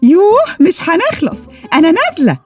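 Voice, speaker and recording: Kunafa, a gentle, coaxing sister. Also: female voice, very high voice, wildly swooping pitch, moderate pace, faint music behind, full character voice. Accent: Egyptian Arabic. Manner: soothing, coaxing, chatty. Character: gentle, lovesick peacemaking woman Kunafa, the sister. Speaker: radio drama actress. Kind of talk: comic radio serial acting.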